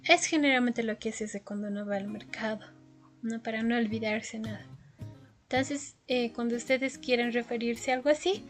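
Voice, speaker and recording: A woman's voice: on the high side, normal speed, soft background music. A woman giving a recorded language lesson as a teacher, explaining patiently and often checking in with her listeners. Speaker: English teacher.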